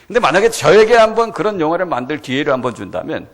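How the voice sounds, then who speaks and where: A male pastor preaching a sermon in a church, animated and full of rhetorical questions to the congregation. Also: on the high side, fast. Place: church sanctuary.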